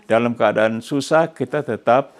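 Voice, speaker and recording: A man's voice: mid-range voice, moderate pace. A male pastor preaching a sermon who keeps quizzing his congregation mid-sentence and drops English phrases into his emphatic preaching.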